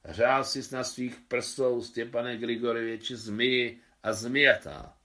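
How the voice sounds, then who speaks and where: A man's voice: mid-range voice, flat delivery, bright, forceful tone. A man voicing a big, drunken, bullying father who taunts his family with sneering questions. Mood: mocking.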